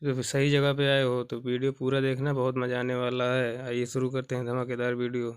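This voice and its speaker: A man's voice: mid-range voice, completely flat delivery, a little fast, clear, resonant tone. A man hosting a comedy channel, giving an upbeat, inviting video intro. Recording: loud background noise.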